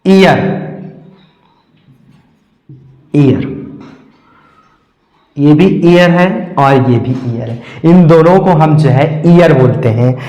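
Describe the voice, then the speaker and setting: A man teaching an English grammar lesson, drilling each word slowly and asking questions he then answers himself. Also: a little high, lively intonation, warm tone. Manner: slow, repetitive drilling of words, asking and answering his own questions. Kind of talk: classroom-style grammar lesson. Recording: echoey room with long reverb.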